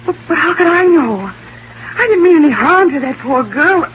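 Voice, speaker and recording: A woman's voice: high voice, lively intonation, moderate pace. A fluttery vain society lady on old radio. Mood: flustered. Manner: fluttery, stammering, theatrical. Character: vain aging society woman. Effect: old-time radio broadcast. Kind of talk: 1950s radio drama acting. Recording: muffled vintage radio broadcast with hiss.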